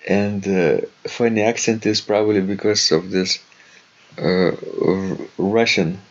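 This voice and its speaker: With a Lithuanian accent, this co-host from Lithuania reads a listener's letter on a podcast amid casual, hesitant chatter heavy with fillers. His low voice stays steady and slow, and the audio lacks its highs.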